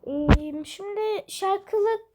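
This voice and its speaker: A young female gamer, sick and coughing, chatting quietly from her bedroom while she plays, rambling with lots of fillers. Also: extremely high pitch, very slow, noisy background. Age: school-age. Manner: rambling, many fillers, self-amused. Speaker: gaming vlogger. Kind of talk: casual let's-play chat. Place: bedroom at home.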